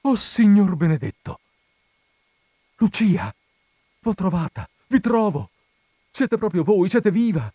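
A man's voice: sits high, big pitch swings, takes it slowly, long pauses, dark tone, no room sound, voice pushed up, exaggerated voice. A man voicing a young peasant man who exclaims breathlessly, trembling with emotion. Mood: overjoyed.

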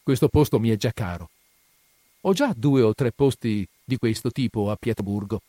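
A man's voice: fairly low pitch, mellow, dry recording. A man narrating an audiobook of a classic novel in the first person, with an impassioned, emotional delivery.

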